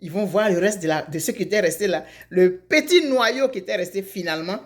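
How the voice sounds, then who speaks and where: A woman from Côte d'Ivoire tells a folk tale aloud, lively and full of repetition. Her mid-range voice drops low and quiet for asides. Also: a little fast. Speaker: storyteller. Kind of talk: oral folk tale telling.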